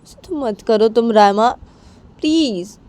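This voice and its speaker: Woman narrator putting on a coaxing, pleading young woman, pitched up, mellow tone. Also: expressive, takes it slowly.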